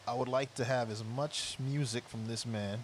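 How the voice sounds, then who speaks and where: A man speaking as a guest in a casual roundtable chat, laid-back and trailing off softly. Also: medium pitch, fairly even intonation, normal speed, a little hiss or hum.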